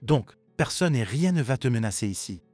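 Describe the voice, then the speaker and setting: Reproachful manipulative mother, man reading, storybook, dry, soft music bed. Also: medium pitch, very animated, moderate pace, dry recording. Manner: reproachful, guilt-tripping. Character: bitter manipulative mother, middle-aged woman. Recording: dry with faint music behind.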